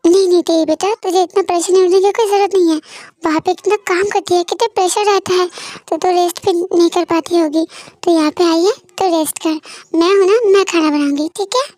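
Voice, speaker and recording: A woman's voice: very high voice, fairly even intonation, a little fast, a little mellow, no echo. A woman voicing a fussing, insistent middle-aged mother in an amateur fan audio drama.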